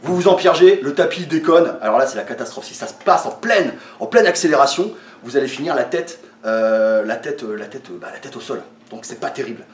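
With a mid-range, expressive and brisk voice, a French man who vlogs about fitness describes a workout to camera. The talk is loose and hesitant, with many fillers and false starts, and he seems a little tired. He sits far from the mic in a room with a lot of echo.

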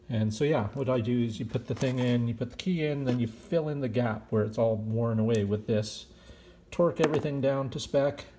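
Medium in pitch and dark in tone, this man's voice carries a scratch from smoke. Filming with a handheld phone in his garage, the home mechanic vlogger casually talks through a car repair, rambling with fillers as he handles the parts.

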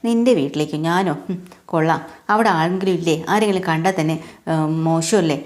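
A woman's voice: lowish voice, fairly quick, darkish tone, close to an everyday voice. A woman voicing a sensible young woman who defends herself with patient reasoning. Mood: defensive.

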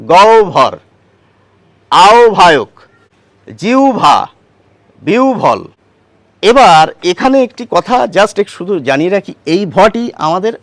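A man gives a pronunciation lesson in a high voice that rises and falls with lively expression. He explains patiently, asking questions and answering them himself. The sound is close and dry, with no room around it. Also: dry recording. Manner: patient, asks and answers his own questions. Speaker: Bengali pronunciation teacher.

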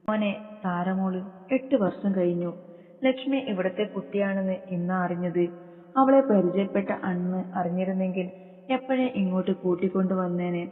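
A man voicing a gentle old grandfather. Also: sits high, normal speed, natural voice. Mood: anxious. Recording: tinny phone-like sound with long reverb.

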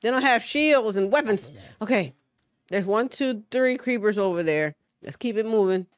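Excitable woman gamer yelling at monsters. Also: medium pitch, normal speed, no room sound. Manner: loud, excitable, yelps and swears at enemies; talks to the game creatures and her viewers. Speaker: gaming channel host. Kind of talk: casual gameplay commentary.

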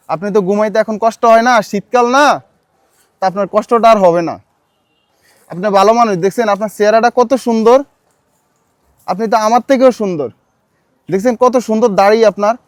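A man with a Bangladeshi Bengali accent and a high voice speaks softly and coaxingly, repeating each request with patience. The sound is dry and close. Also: no echo. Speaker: street outreach volunteer. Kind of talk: coaxing street talk. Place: outdoors on a city street.

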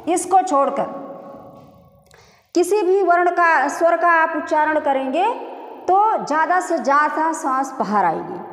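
High-voiced woman teaching in an echoey room. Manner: repetitive, asks and answers own questions; drawn-out demonstration vowel sounds. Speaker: Hindi grammar teacher. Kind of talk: classroom-style lesson.

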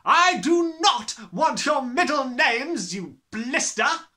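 A man voicing a huge, bullying headmistress, bellowing with scornful, drawn-out menace in a storybook reading. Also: very high voice, expressive, bright, forceful tone, voice pushed up, full character voice. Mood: furious bellowing. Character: huge, bullying, furious tyrant headmistress, adult woman.

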